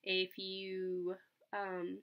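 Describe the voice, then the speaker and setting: Very slowly and in a monotone, a young adult woman reads a children's picture book, her medium-pitched voice clear and resonant though the sound is lo-fi. She explains in simple terms and directs questions at her audience. A computer webcam at arm's length records her in a small furnished room at home.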